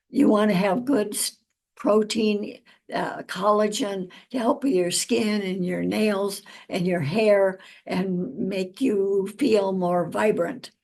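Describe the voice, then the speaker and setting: Woman vlogger, casual and unscripted, unhurried pace, noticeable vocal fry. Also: mid-range voice, darkish tone. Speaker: vlog host. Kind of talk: casual chat to viewers about gardening.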